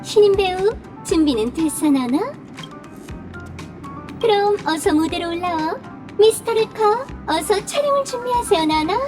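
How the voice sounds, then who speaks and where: A woman's voice: extremely high pitch, animated, measured pace, long pauses, music in the background. A woman playing a strict, bossy little female drama teacher in a video game, theatrical and scolding.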